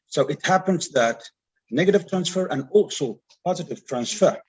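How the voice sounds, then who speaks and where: A man from Algeria with a North African, Algerian accent and Arabic as his first language, giving an explanatory academic answer in a halting way. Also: a little high, expressive, breathy edge. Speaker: conference panelist.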